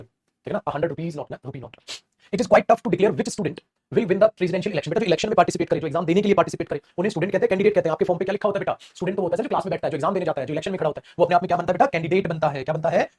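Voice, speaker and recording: A man teaching an English grammar class in rapid Hindi mixed with English, calling his students "beta" as he corrects their answers. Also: high voice, a little mellow, breathy edge. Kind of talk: online coaching lesson.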